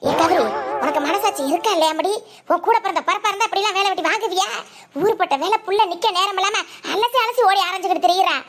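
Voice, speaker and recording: A woman's voice: very high voice, fast talker, fairly bright tone, slight background noise. A woman with a Tirunelveli accent, voicing a cartoon story and pleading and scolding by turns. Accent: Tirunelveli Tamil. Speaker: cartoon narrator and voice artist. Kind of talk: cartoon voice acting.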